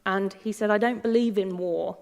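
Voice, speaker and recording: A woman's voice: medium pitch, fairly even intonation, moderate pace, vocal fry, darkish tone, smooth. A woman giving a candid, chatty talk about her own story, with many fillers and restarts. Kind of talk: personal story talk to an audience. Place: large lecture hall. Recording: long hall reverb.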